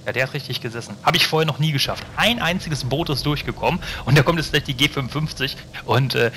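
A man's voice: mid-range voice, bright, forceful tone, a little hiss or hum. A man giving casual, rambling gameplay commentary to his viewers, chatty and swearing now and then.

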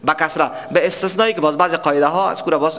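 A man teaching tajweed, explaining recitation rules and quizzing students before answering himself, with verses chanted slowly as examples. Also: fairly high pitch, fairly even intonation, fairly bright tone. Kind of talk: tajweed lesson.

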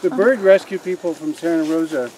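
Brisk and warm, this older man's fairly high voice guides a group casually around his farm outdoors. The rough recording, made on a camera among the people standing by, has slight background noise, and he rambles with many restarts and fillers.

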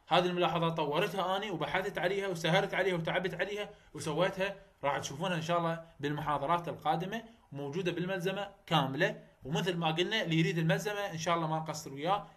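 A man's voice: a little high, fairly bright tone. A young man with an Iraqi Arabic accent, giving a chatty step-by-step phonetics lesson. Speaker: English phonetics tutor. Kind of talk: casual lecture.

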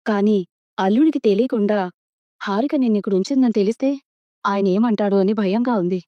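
An actress playing a cautious, worried aunt who gently reproaches a young woman in a TV serial. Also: mid-range voice, moderate pace, no room sound, lightly acted. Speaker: aunt hosting the daughter. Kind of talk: TV serial acting. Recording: dull lo-fi dry sound.

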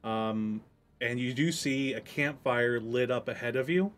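A man narrating a tabletop game as game master, in a relaxed way with frequent ums. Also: medium pitch, measured pace, a little hiss or hum.

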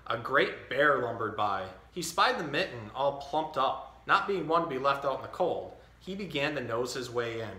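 A man in his thirties hosting a storytime, reading a children's picture book aloud with expressive, clearly enunciated delivery. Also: medium pitch, normal speed, hardly any pauses. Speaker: storytime host. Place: indoor tiled-floor room. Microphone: camera a few feet away. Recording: echoey room.

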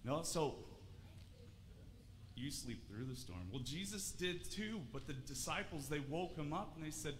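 A man in his thirties, whose slightly high voice has lively intonation and an unhurried pace, gives a friendly children's sermon in a church sanctuary. He asks questions and frequently restarts what he's saying. The recording features church hall reverb and faint room noise.

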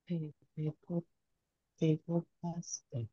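Female student, low dark husky voice, unsure quick tries, distant muffled call. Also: level tone, dry recording. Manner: hesitant, trailing attempts. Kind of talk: attempting answers in class.

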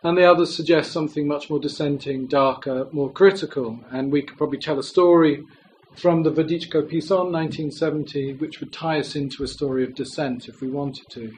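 A man's voice: on the high side, steady tone, a little fast, a little hiss or hum, rough recording. A man giving an academic presentation, speaking in a thoughtful, exploratory way with hedging phrasing. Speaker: lecturer.

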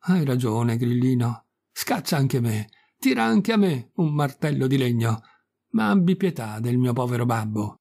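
A man's voice: medium pitch, very animated, a little slow, gravelly, mellow, exaggerated voice. A man reading the part of a young wooden puppet boy in an audiobook, with an earnest, pleading tone.

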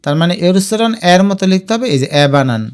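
A man teaching a spelling and pronunciation lesson for exam students, drawing out each example word slowly. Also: high-pitched, animated, clear, resonant tone. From Bangladesh. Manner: slow, drawn-out spelling of example words.

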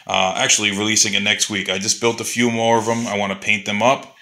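A custom lure maker gives his customers a casual shop update from an indoor workshop, talking fast in a level tone. His voice is on the low side, pushed and bright, and his delivery is loose and chatty, packed with fillers.

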